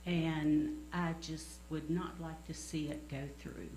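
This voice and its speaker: A woman's voice: deep voice, fairly even intonation, slow pace, dark tone. A woman giving brief, plain public comment as a resident at a meeting. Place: indoor public meeting room. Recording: echoey meeting room with faint hum.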